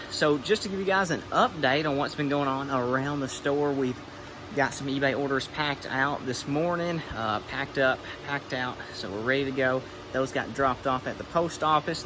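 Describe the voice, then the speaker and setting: A man giving casual, halting, rambling vlog narration as the host, recorded inside a store. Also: mid-range voice. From United States. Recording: clearly noisy indoor store background hum.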